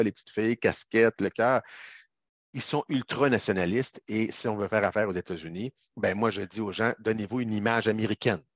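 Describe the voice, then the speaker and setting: A low-pitched man with a Québécois French accent gives a casual, chatty explanation in a webinar. He keeps turning to the audience with quick asides and tag words. The dull, lo-fi sound is dry and close, as over a video-call microphone. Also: no room sound. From Quebec. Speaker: webinar presenter, business lawyer.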